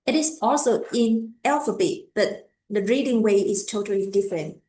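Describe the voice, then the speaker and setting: A woman giving a lecture on language teaching, speaking haltingly and repeating words as she goes. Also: on the high side, a little mellow, roomy sound, low-quality recording.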